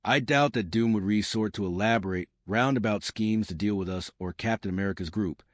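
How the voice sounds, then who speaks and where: A man's voice: lowish voice, brisk, dry recording, studio quality, natural voice. Cyclops, a man reading as an earnest team leader.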